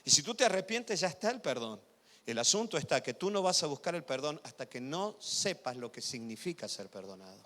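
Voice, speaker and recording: A male pastor preaching a sermon, swinging loud emphatic passages to quiet intimate asides and often asking the congregation whether they follow. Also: a little high, very animated, brisk. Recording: reverberant church hall.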